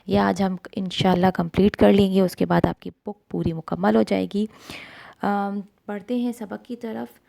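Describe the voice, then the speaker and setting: A woman teaching a school lesson, explaining slowly with many fillers and English words mixed in. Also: mid-range voice, steady tone, creaky, mellow. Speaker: Urdu tutor. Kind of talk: online class lesson.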